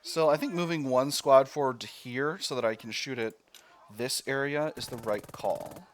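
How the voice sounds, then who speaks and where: A man's voice: mid-range voice, normal speed, a little hiss or hum. A man hosting a video game let's play, thinking aloud as he talks through each decision step by step with mild exclamations.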